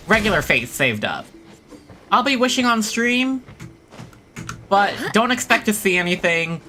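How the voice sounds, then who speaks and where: Over loud game music and sound effects, a streamer chats and rambles through gameplay in a mid-range voice. The commentary is casual, full of restarts and small exclamations.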